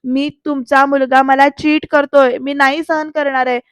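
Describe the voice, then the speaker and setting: A woman's voice: high voice, little pitch movement, normal speed, no room sound, natural voice. A woman voicing a spoiled, dramatic young wife who complains in a whiny way. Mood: complaining. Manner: whiny, exclaiming, English words mixed in.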